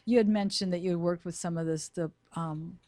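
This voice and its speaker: A woman's voice: on the low side, fairly even intonation, fairly quick, warm tone, no echo. A woman hosting a radio talk show, upbeat and encouraging as she interviews her guest. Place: radio studio.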